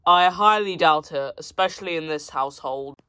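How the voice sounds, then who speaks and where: A woman acting out every toy in a homemade toy-train story, often jumping to high, excited outbursts. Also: moderate pace, heavy background noise.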